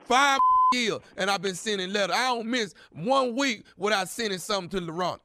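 A man putting on a fast-talking jailed caller. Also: high-pitched, expressive, pushed and bright, slight background noise, exaggerated voice. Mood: indignant. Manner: pleading, repeats himself, stammering. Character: male inmate about to leave jail, insistent. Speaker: radio prank caller.

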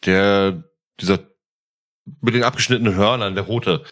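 A man co-hosting a casual podcast, telling lively anecdotes with casual swearing. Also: on the low side, normal speed. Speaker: podcast co-host.

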